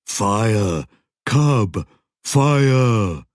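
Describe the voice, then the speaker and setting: A man voicing a big male troll who shouts single words. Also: lowish voice, lively intonation, very slow, no echo, studio quality. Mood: urgent. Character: huge simple-speaking male troll, loyal helper.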